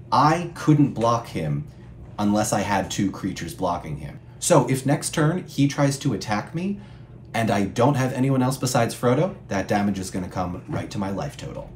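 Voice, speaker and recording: A man talks through game rules at an even, mid-range pitch, patient and clear, with a few playful asides along the way. His voice sits in an echoey room, and a faint hum runs underneath. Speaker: guest co-player explaining the rules. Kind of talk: casual explanatory chat.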